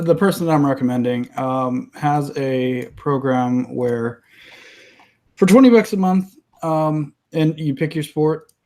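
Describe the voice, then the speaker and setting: A man with an average-pitched voice co-hosting a casual podcast. He talks hesitantly and often stumbles into restarts before finding his words. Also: a little mellow. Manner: hesitant, many fillers and restarts. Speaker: podcast co-host. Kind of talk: casual chat.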